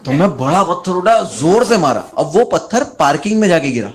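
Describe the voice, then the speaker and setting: A man doing standup, telling a long comic story and putting on high voices for the people in it. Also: brisk, crowd noise. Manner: animated, jumps into high voices for friends in the story. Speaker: standup comedian.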